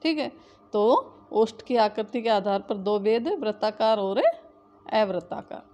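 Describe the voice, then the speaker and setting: A woman's voice: mid-range voice, measured pace, a little mellow. A woman teaching Hindi grammar, who asks the class questions and answers them herself, repeating the key terms. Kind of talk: classroom lesson.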